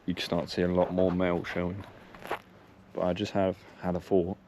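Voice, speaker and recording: This is a young vlogger-type man with a low voice, speaking at a moderate pace in a totally flat way. He gives casual, no-frills narration as he works on bikes in a car, sheds and a yard, over a noisy background.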